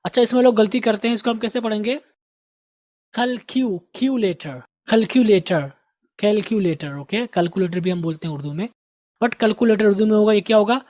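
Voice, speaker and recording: A man teaching English as a host of an online lesson, with an Indian Urdu accent, drilling vocabulary by repeating each word slowly. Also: high-pitched, a little mellow, dry recording. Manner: drills words with slow repeated pronunciation. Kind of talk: recorded lesson.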